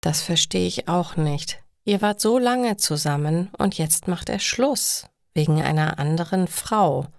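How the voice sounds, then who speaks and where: A woman's voice: lowish voice, animated, a little slow, vocal fry, hardly any pauses, no room sound, clean studio sound. A woman voicing a caring young woman who consoles her heartbroken friend in a frank, reassuring way. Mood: comforting.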